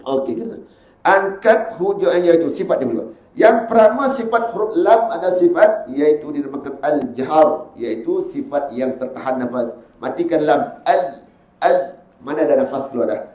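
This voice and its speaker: A Malaysian-accented man teaches Quran recitation in a fairly high voice. He stretches each example verse out slowly, then explains it quickly. An echoey room rings around him. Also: animated, darkish tone. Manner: chants drawn-out verses to demonstrate, then explains briskly. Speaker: religious teacher.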